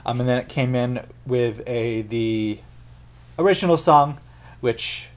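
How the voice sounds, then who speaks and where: A man's voice: medium pitch, unhurried. A young man hosting a casual music reaction and analysis video, chatty and explaining at length while correcting himself as he goes. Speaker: music reaction channel host.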